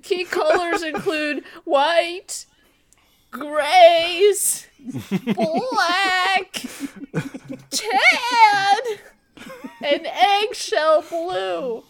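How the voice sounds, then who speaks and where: A woman doing a slow, choked seagull voice. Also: very high voice, exaggerated voice. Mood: deadpan. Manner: strained, choked-sounding seagull voice. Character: croaky seagull girl, slow and choking. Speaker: intern. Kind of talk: comedic reading in a put-on voice.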